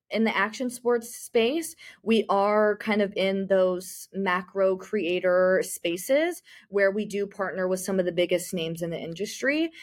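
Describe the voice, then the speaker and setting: A woman, a marketing communications manager, giving interview answers in a chatty way full of "you know" fillers. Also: medium pitch.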